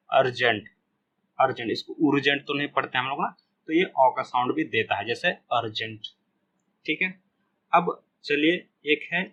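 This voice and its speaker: A man gives a beginners' English lesson at a slow, careful pace, saying every example word several times over. His tone is bright and forceful, and a faint hiss sits under the recording. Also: medium pitch, highs cut off. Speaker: English teacher.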